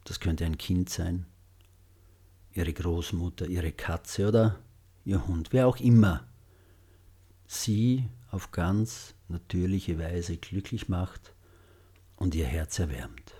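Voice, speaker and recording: A man guides a loving-kindness meditation in a deep, slightly husky voice, speaking very slowly and gently with long pauses between phrases. His tone is mellow and subdued, and his sentence endings soften.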